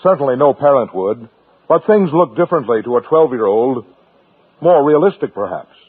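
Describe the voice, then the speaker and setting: A man's voice: medium pitch, lively intonation, husky. Solemn male radio documentary narrator. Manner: solemn, measured. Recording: tinny lo-fi old radio recording.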